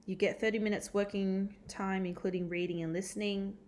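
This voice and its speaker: A woman's voice: mid-range voice, little pitch movement, brisk, a little mellow. A woman teacher giving a recorded catch-up lesson, explaining step by step with frequent ums and uhs. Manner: explains step by step with many fillers.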